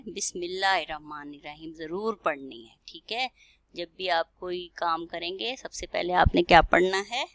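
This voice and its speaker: A woman teacher with a fairly low voice speaks to small children, sounding out each word slowly letter by letter. She keeps pausing to ask whether they follow. The recording is close and dry, with no room sound. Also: fairly bright tone, no echo. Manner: spells words letter by letter, slows down to sound them out; keeps asking the children questions and checking "okay?". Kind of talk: recorded classroom lesson.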